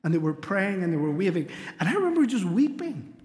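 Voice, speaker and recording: A man's voice: high voice, very animated, brisk, darkish tone. A middle-aged man, preaching a sermon with earnest storytelling and light humor. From Spain. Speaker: pastor. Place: church sanctuary. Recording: long hall reverb in a church.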